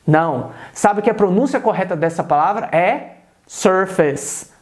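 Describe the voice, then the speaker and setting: Um homem jovem do Brasil, com sotaque brasileiro, dá uma aula em vídeo de pronúncia inglesa e repete devagar cada palavra de exemplo. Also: male voice, high voice, lively intonation, a little mellow. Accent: Brazilian Portuguese. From Brazil. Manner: repeats example words slowly and deliberately. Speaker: English teacher. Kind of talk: video lesson on English pronunciation.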